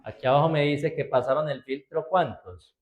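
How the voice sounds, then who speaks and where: A man's voice: a little high, normal speed, lo-fi sound. A man teaching a spreadsheet class, explaining step by step in a patient way and often checking that his students follow. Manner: patient, step by step, checks understanding with frequent "¿cierto?". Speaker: computer class instructor.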